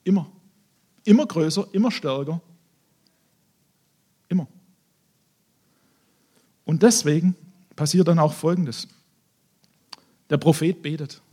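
Male preacher, husky and fairly high voice, lively storytelling sermon. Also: slow, long pauses. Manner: animated storytelling, acting out scenes in voices.

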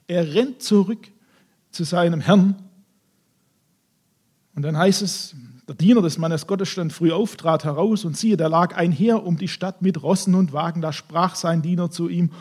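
Male preacher, husky and fairly high voice, lively storytelling sermon. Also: measured pace, pauses often. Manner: animated storytelling, acting out scenes in voices.

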